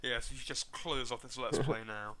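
A man's voice: medium pitch, normal speed, a crowd in the background. A man giving casual co-op gameplay commentary with joking, self-deprecating banter. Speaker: co-op gamer. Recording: loud background noise, gunfire.

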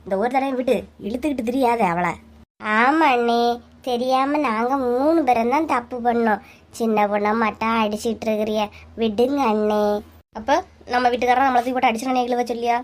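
A woman's voice: a little high, fairly even intonation, normal speed, close to an everyday voice. Woman playing a bossy scolding village wife. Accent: Kanyakumari Tamil. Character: middle-aged village wife scolding and mediating. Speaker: channel creator voicing characters. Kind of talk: cartoon voice acting.

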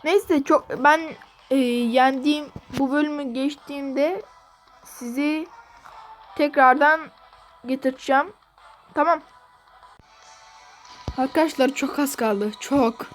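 A woman hosting her gaming channel, commenting on gameplay in an excitable way and repeating phrases over and over. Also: high-pitched, takes it slowly, long pauses, faint music behind.

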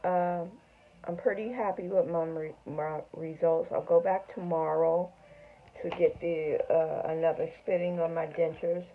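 Toothless middle-aged woman, low slow voice. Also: fairly even intonation. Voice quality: toothless speech, front teeth missing. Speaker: vlogger. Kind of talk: casual video diary to camera. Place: small home room, indoors. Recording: tinny, phone-like narrow sound.

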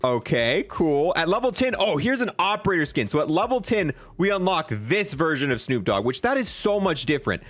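In excited gaming commentary, a man reviews video game items in a fairly high voice with swooping, animated pitch. As an enthusiastic host, he throws in casual slang and bro-style remarks, talking briskly with few pauses over faint background music.

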